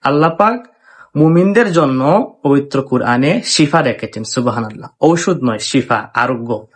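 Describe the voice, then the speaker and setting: A man giving earnest, measured religious instruction as an Islamic preacher, reciting short Arabic verses slowly. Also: mid-range voice, a bit bright.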